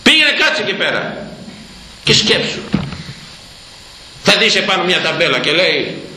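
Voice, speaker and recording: A man's voice: sits high, sing-song, echoey room, background noise. An older man preaching a stern, emphatic sermon as a priest, voice rising sharply to make his points. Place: church.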